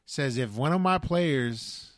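A man co-hosting a sports podcast, giving game picks in casual chat and speeding up in animated bursts. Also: medium pitch, takes it slowly, no echo, clean studio sound. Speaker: podcast co-host.

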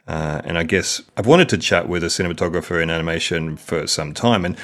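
A man hosting a podcast in a low voice. He asks friendly, halting questions and restarts them often as he steers the interview. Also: a bit bright. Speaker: podcast host.

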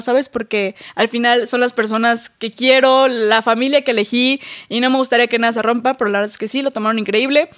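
A woman speaks as a podcast guest in relaxed conversation. She talks very quickly, emotional and confiding, in a slightly raised register. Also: on the high side. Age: 20s. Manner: emotional, confiding, fast-talking. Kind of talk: casual chat.

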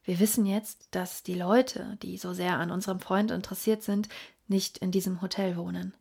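The female narrator of this audiobook pitches her voice fairly low to portray a composed, perceptive male detective. She gives him a husky sound and a deliberate, curious delivery that sometimes sinks to a near whisper.

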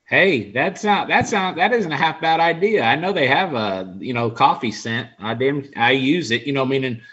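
A man's voice: medium pitch, lively intonation, moderate pace, fairly bright tone, slightly rough. A man who is a guest in a casual fishing chat, easygoing as he explains his gear. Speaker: guest angler. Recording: dull lo-fi sound.

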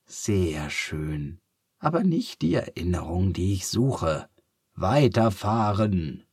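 A man voicing an old female sea captain, a gruff grandmother, speaking low and slow with a soft, husky voice. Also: very animated, no room sound, clean studio sound, full character voice.

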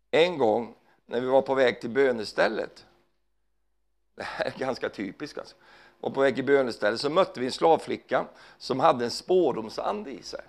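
Male preacher, mid-pitched with a gravelly rasp, fervent sermon delivery, frequent hallelujahs, big swings from loud to hushed.

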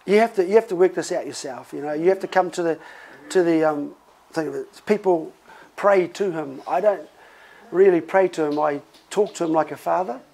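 A man's voice: a little high, normal speed, creaky, poor audio. A middle-aged male pastor preaching in a conversational, storytelling way. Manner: conversational, animated storytelling with laughs. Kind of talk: sermon.

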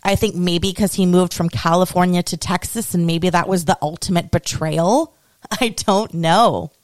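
On her solo opinion podcast, a woman rants with sarcasm and plenty of swearing, her fairly low voice keeping an even intonation at a measured pace. She swings between mock praise and outrage, and the recording has no echo.

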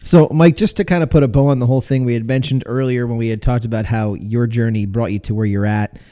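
American guy hosting a podcast, mellow voice, long winding questions. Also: medium pitch, fairly even intonation, fast. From United States. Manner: long rambling questions with restarts. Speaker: podcast host. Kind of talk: interview hosting.

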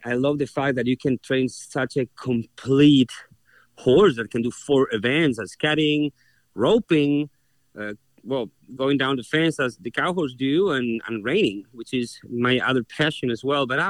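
In an interview, a young adult Chilean man who trains horses gives earnest answers in a Chilean Spanish accent and frequently restarts what he's saying. He speaks at a moderate pace with a medium-pitched voice, recorded without any room sound.

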